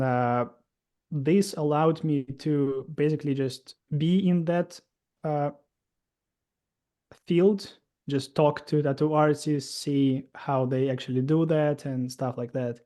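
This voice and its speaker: An interview guest in his thirties, this Russian man with a Russian accent narrates his own story. The delivery is hesitant, packed with fillers and restarts, and his mid-range voice carries a warm tone.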